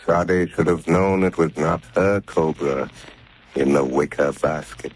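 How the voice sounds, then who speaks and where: The Shadow, a calm invisible avenger, in a 1930s radio play. His voice is very deep and husky and he speaks slowly and coolly. There is a mocking edge to everything he says. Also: exaggerated voice. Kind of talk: 1930s radio drama acting. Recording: old 1930s radio broadcast.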